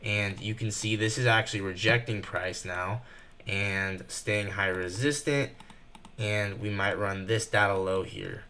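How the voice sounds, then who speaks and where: A nervous young man giving fast live commentary while trading, thinking out loud and rushing his words. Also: fairly low pitch, slight background noise. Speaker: day trader streaming live.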